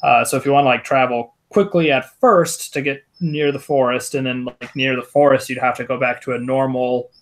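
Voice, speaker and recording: A man's voice: medium pitch, steady tone, a little fast, hardly any pauses. A young man running a tabletop game, narrating casually in a rambling, hesitant way with many fillers. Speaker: game master.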